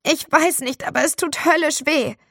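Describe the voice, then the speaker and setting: Teen boy hamming up an injury, shrill and loud, read by a woman. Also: normal speed, no echo, studio quality. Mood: wailing. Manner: loud, exaggerated wailing. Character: teenage boy faking pain, dramatic.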